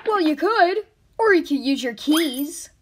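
A woman's voice: sits high, expressive, a little slow. A woman voicing a mischievous young cartoon tiger cub, sassy and matter-of-fact, on a noisy soundtrack. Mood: cheeky.

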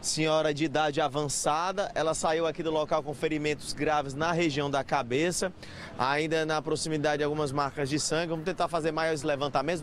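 Man reporting from a noisy street. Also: on the high side. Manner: urgent, questioning witnesses. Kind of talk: live on-scene news report. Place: busy city avenue outdoors. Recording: street traffic noise behind.

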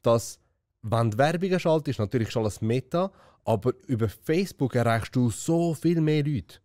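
A man with a Swiss German accent, hosting a casual interview podcast and asking follow-up questions with halting restarts. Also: medium pitch, lively intonation, a little mellow, no room sound, studio quality. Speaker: podcast host.

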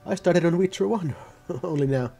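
A man's voice: fairly high pitch, normal speed, creaky, mellow, breathy edge, faint music behind. A man giving casual, rambling gameplay commentary, often correcting himself mid-sentence. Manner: rambling, self-correcting, offhand. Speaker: gaming video host.

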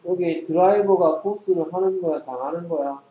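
A man's voice: a little high, normal speed, dark tone, roomy sound, muffled recording, slight background noise. A man tutoring English one-on-one, quizzing his student and joking bluntly, in a casual lesson. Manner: teasing, quizzing, blunt slang.

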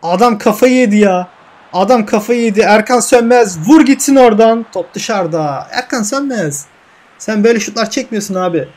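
High-voiced young man calling his game. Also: moderate pace. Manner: emotional, swings from calm commentary to yelling at goals and cursing misses. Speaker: gaming YouTuber. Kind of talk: excited play-by-play of his own football video game. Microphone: desk mic.

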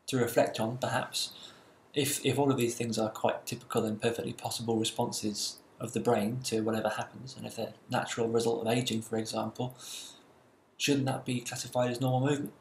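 A man delivers a university lecture at a mid-range pitch, explaining step by step with the odd "uh". The recording picks up a roomy echo and a faint hiss underneath. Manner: explanatory, measured, with some fillers.

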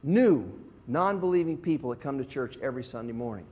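In an indoor classroom with a whiteboard and screen, an older pastor of about sixty, from abroad and visiting South Africa, explains things step by step in an informal, plain-spoken teaching talk to a group. His mid-range, dark voice has lively intonation and a slightly fast pace, recorded on a lapel mic.

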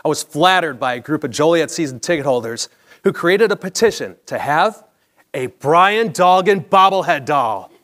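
A middle-aged man from the Chicago area performs a scripted personal story on stage in a theatre, speaking into a clip-on lapel mic in front of a live audience. His delivery is polished like a broadcaster's. The voice is fairly high and a bit bright, with lively intonation at a normal speed.

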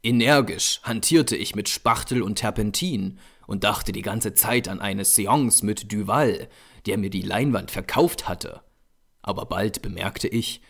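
A man narrating a horror audiobook in a measured, expressive storytelling manner. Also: lowish voice, vocal fry, breathy edge.

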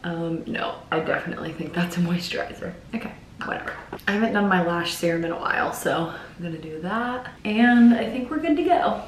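Young woman vlogger, casual and chatty, phone-held mic, steady noise behind. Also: on the low side, fairly quick, echoey room, poor audio. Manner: chatty, upbeat, thinks aloud. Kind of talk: casual vlog chat. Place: outdoor dock by a lake, then indoors. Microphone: phone camera at arm's length.

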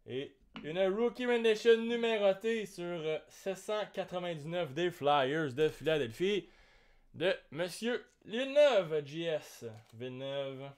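A young man with a Québécois French accent, hosting a live card-break stream and joking with viewers in a slangy, excitable way. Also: high voice. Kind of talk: live card-opening commentary.

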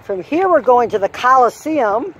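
A woman gives an instructional walk-through of an outdoor horse course as its designer, filming on a handheld phone and describing each obstacle at an easy pace, occasionally correcting herself. Her pitch is fairly high and her delivery very animated. There's faint outdoor noise, and at times she's far from the microphone.

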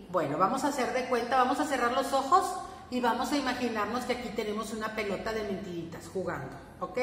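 A woman with a Mexican accent teaching preschoolers, singing and talking to them in an animated sing-song way. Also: fairly high pitch, a little hiss or hum. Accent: Mexican Spanish. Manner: animated sing-song, speaking to small children. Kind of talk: singing lesson for young children. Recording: echoey room, long reverb, faint ambience.

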